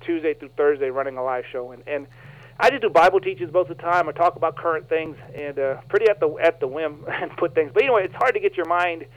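Brief: folksy, animated preacher guest, fairly high voice, dull lo-fi sound. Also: male voice, quick pace, dry recording. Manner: animated, folksy, laughs often. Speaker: minister and guest. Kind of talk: casual storytelling interview.

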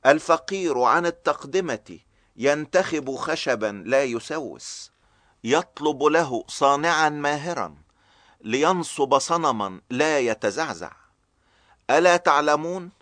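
Slow, solemn male scripture reader. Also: on the high side, lively intonation, a bit bright, no echo. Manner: slow, measured, grave recitation. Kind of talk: solemn scripted Bible reading.

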